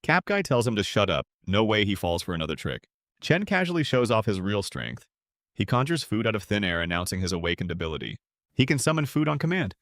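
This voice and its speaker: A man narrating a comic story recap in a brisk, dramatic way with sarcastic asides. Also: fairly low pitch, very animated, a bit bright, dry recording, clean studio sound.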